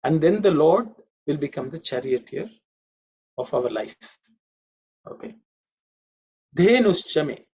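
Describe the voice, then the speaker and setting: A man's voice: a little high, lively intonation, measured pace, pauses often, dark tone, breathy edge. A man teaching a Sanskrit class online, patiently repeating each word's pronunciation and explaining its meaning. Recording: dull lo-fi audio.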